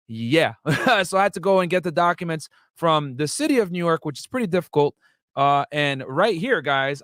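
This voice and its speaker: A man's voice: on the high side, no room sound, clean studio sound. Chatty young man hosting a livestream. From United States. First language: Arabic. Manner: chatty, many fillers and asides to viewers. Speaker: livestream host. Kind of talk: casual livestream commentary.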